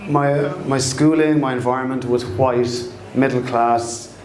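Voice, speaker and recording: Middle-aged Irishman telling stories, even-toned and echoey. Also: medium pitch. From Dublin, Ireland. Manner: halting, reflective, searching for words. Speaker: storyteller at a live storytelling night. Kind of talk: fireside storytelling, personal anecdote told live. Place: indoor live storytelling event, echoey room. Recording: echoey room.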